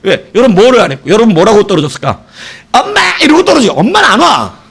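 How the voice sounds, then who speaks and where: Middle-aged male pastor, sermon delivery, highish voice with big lively swings, shouted exclamations. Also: racing, creaky, husky. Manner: animated storytelling, shouting exclamations, asks the congregation questions. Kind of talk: evening sermon.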